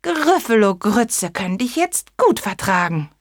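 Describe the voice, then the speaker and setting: A woman voicing a small, clever, boastful mouse in a storybook reading, talking slowly. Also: very animated, no echo, studio quality. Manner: squeaky, bold and bragging.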